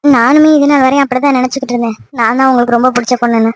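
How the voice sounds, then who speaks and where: A woman's voice: sits high, steady tone, very fast, natural voice. Woman voicing Soni, hurt young woman. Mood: angry. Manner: sharp, dismissive retorts. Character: young woman in a love story, hurt and angry. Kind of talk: cartoon voice acting.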